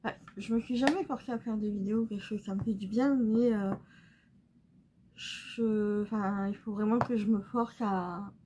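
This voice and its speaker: A young woman talking casually while doing her makeup at home, soft-spoken and halting, full of pauses and fillers. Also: medium pitch, steady tone, slight background noise. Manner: hesitant, halting, many fillers; soft and subdued. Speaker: beauty vlogger. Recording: slightly dull recording, faint room ambience.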